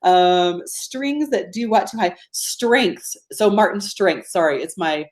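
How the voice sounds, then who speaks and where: A woman from Georgia in the United States, with a Southern accent, hosts a live online productivity training as an informal webinar with audience interaction. Her lowish, slightly mellow voice is animated at a moderate pace, chatty and self-deprecating, and she often checks in with listeners.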